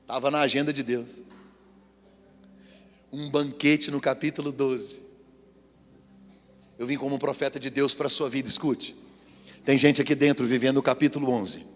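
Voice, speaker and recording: A man from Brazil, a pastor preaching an animated sermon and acting out quotes in high voices. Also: normal speed, pauses often. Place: church hall. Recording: echoey hall with long reverb.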